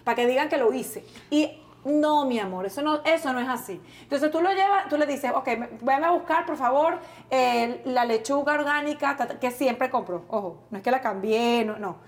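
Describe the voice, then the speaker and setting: A woman in her thirties with a Venezuelan accent, co-hosting a comedic talk show and ranting in an animated, exasperated way. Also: high voice, normal speed. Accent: Venezuelan Spanish. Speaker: co-host. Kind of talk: casual comedic banter.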